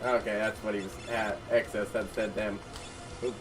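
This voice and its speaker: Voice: mid-range voice, little pitch movement, moderate pace, far from the mic. A streamer giving casual let's play commentary, swearing and reacting aloud to the game. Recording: voice set back from mic, game music behind.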